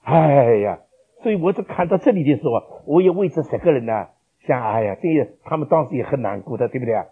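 A man preaching a sermon, asking rhetorical questions and swinging between loud, dramatic lines and quiet ones. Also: medium pitch, expressive, fairly quick, slightly rough. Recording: lo-fi dull recording.

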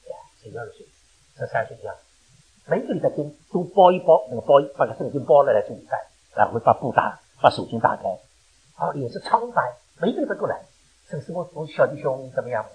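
An older male preacher with a very husky, worn voice gives a sermon. He talks fast, and his pitch leaps high and drops low as he moves from emphatic questions to hushed storytelling. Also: poor audio. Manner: animated, rising to loud emphatic questions then dropping low. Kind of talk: sermon with personal testimony.

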